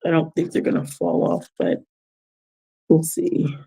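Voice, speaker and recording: A woman talks casually to her viewers while working on a craft. Her delivery is slow and unhurried, with a mellow, darker tone. She muses reflectively, gives gentle advice, and breaks into soft chuckles. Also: low-pitched, completely flat delivery, creaky, slightly rough. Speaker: vlogger giving life advice.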